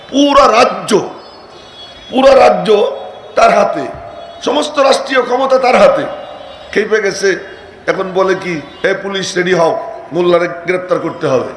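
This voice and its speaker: A male Islamic preacher gives a sermon, swinging from loud declaiming to quiet asides to the crowd and chanting verses slowly. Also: high voice. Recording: echoey live sermon recording with faint noise.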